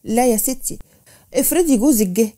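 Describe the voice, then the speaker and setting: A woman plays a nervy young man who cracks jokes when he is scared. He talks very quickly. His voice is fairly high and mellow. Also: expressive. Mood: joking. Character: nervous young man, jumpy and joking.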